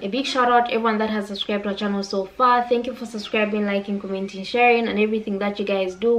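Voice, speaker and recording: A young woman hosting a reaction channel, chatting to camera in a small room with an upbeat, friendly manner. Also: mid-range voice. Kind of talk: casual chat to camera.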